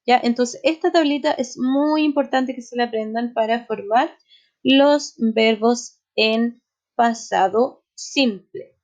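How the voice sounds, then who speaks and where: A woman teacher walks through a grammar lesson at an unhurried pace, checking in with a quick question after each point. Her voice sits a little high. The recording sounds slightly dull and lo-fi. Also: a little mellow. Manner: explains step by step, often checks with "¿ya?". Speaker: English teacher.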